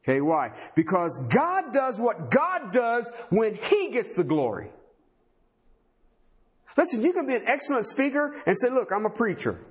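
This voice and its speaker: A man's voice: very high voice, huge pitch swings, measured pace. A man preaching a sermon, asking rhetorical questions and acting out the voices of biblical figures.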